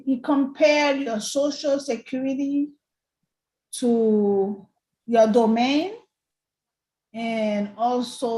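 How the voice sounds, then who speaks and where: A woman's voice: on the high side, a little mellow, reverberant, rough recording. A woman asking hesitant questions in a casual online meeting, with many fillers and restarts.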